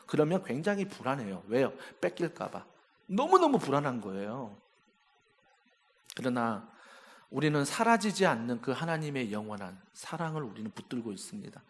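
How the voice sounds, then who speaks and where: A man's voice: fairly high pitch, fairly bright tone. A male pastor preaching a sermon in a church, emphatic and asking the congregation rhetorical questions. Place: church sanctuary. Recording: long church-hall reverb.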